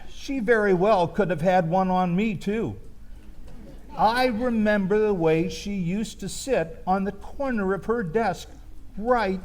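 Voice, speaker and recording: A high-voiced man recounts a personal memory with gentle humor. He talks slowly and hesitantly, his intonation swinging in lively ways, like a wistful storyteller leaving space between phrases.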